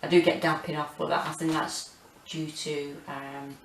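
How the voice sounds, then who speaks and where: A British woman in her forties chatting casually and hesitantly as she gives a rambling home gardening tour, with a monotone, self-deprecating manner. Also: low voice, normal speed, vocal fry, a little hiss or hum, rough recording. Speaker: gardening vlogger. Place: small home kitchen and windowsill, indoors.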